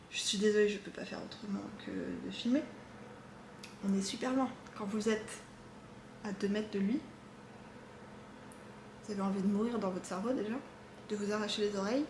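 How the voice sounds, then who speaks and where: A woman's voice: mid-range voice, a little hiss or hum. Chatty French-speaking woman in roomy workshop. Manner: chatty, lots of fillers and restarts. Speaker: knitting vlogger. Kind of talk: casual chat to camera. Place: home craft workshop. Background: jackhammer from far off.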